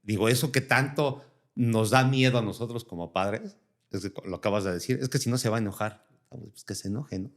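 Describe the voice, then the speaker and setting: A man's voice: mid-range voice, brisk. A man hosting a podcast, asking long, meandering questions and nodding along with "ujú". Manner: rambling questions with many back-channel "ujú" and "ok". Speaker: podcast host. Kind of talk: interviewing, casual chat.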